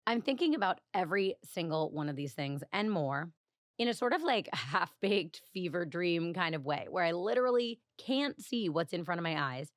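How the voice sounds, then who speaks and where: A woman's voice: fairly low pitch, dry recording, studio quality. A woman hosting her own podcast, telling a personal story in a chatty, confessional way, often saying "like" and laughing lightly. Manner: chatty and confessional, heavy use of "like", frequent small laughs. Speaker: podcast host. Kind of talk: casual solo podcast storytelling.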